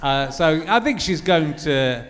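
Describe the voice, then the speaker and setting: English male podcast host, slightly high voice, dry self-mocking, heard on a live stage with long reverb. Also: expressive, a little slow, fairly bright tone. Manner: wry, self-deprecating, swears freely. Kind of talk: casual chat. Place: live venue.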